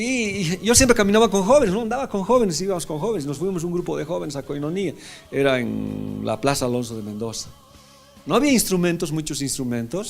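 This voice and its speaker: Gravelly-voiced preaching pastor, man. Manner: preaching with emotional swings, often rising in pitch; conversational asides and tag questions. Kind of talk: sermon.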